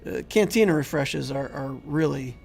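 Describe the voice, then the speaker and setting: A man hosting a casual game livestream, reading and answering viewer chat in a rambling, conversational way while he keeps losing his voice and clearing his throat. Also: a little high, lively intonation, moderate pace, a little mellow, soft background music. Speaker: YouTube game channel host.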